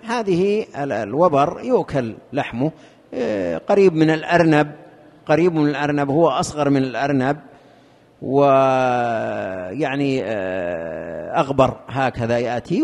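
A man explaining a legal text in a lesson, with a halting manner, repeating words as he searches for terms. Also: mid-range voice, expressive, gravelly, a little mellow. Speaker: teacher explaining a fiqh text. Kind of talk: lesson commentary. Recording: long reverb of a hall.

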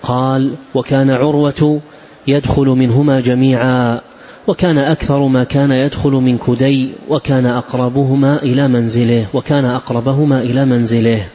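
A man reads chains of narration aloud for a lesson in a steady, formal recitation. His pitch barely moves, and the recording is muffled and lo-fi. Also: normal speed. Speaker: text reader in a lesson.

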